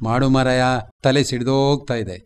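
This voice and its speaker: An actor playing an irritable boss with a headache who speaks gruffly and curtly. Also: male voice, medium pitch, normal speed, close to an everyday voice. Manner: gruff, short-tempered.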